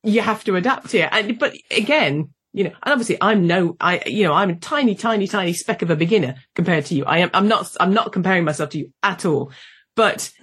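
A woman's voice: medium pitch, fairly bright tone, breathy edge. A British woman hosting a podcast interview, chatting casually with frequent restarts and laughs. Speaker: podcast host.

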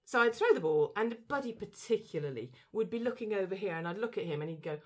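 A woman hosting a casual chat, telling animated stories and acting out her dogs' reactions. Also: mid-range voice, fast. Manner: animated storyteller, acts out her dogs, frequent restarts.

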